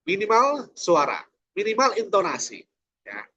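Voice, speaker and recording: Man, fairly high voice, online training lecture, rhetorical questions, lo-fi call audio. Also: wildly swooping pitch, measured pace, pushed and bright. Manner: rhetorical questions, frequent "ya" tags. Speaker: preacher training instructor.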